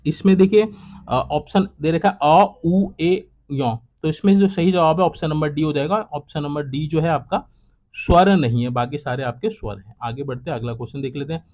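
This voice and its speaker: A young man teaching exam prep, working through quiz questions one by one and repeating each answer, his voice trailing low at the end of each. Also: normal speed, darkish tone. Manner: repetitive, drops to a low trailing voice at each close. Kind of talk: solving quiz questions aloud.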